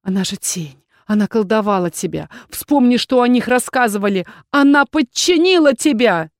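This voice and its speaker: A woman voicing a jealous, abandoned noblewoman who shouts and pleads through tears. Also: animated, measured pace, gravelly, no room sound, clean studio sound. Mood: pleading. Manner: shrill pleading and shouting, tearful.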